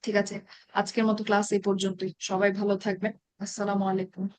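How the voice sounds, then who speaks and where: A woman teaching an Arabic grammar class in an online meeting, reciting verb conjugations slowly and explaining in quick asides. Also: medium pitch, flat delivery, no echo. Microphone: online meeting call.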